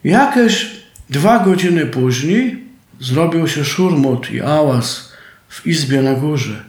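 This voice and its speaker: A man's voice: fairly high pitch, lively intonation, takes it slowly, a little mellow, reverberant. A man with a Silesian accent telling a folk tale in a homely dialect style. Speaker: storyteller.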